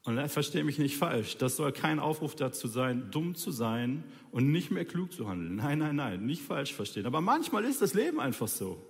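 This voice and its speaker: A man's voice: on the high side, big pitch swings, normal speed, few pauses, in a large hall. A man preaching an informal sermon, talking straight to his listeners in a colloquial, ironic way.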